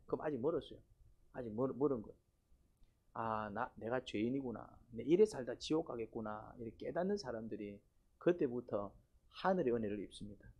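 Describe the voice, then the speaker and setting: A man's voice: medium pitch, a little mellow, breathy edge. A man preaching in church with a mid-range voice. He keeps asking the congregation questions and hammers key phrases home through repetition. His wording is blunt and homely, and he pushes it hard at the points he wants to land. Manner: folksy, blunt wording with sudden emphatic rises. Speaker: pastor. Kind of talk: sermon.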